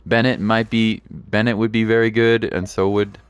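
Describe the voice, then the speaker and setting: A man streams a game and chats casually with viewers in a fairly low, level voice at a moderate pace, the sound clean with no room tone. He's slangy and reassuring, repeating his points for emphasis.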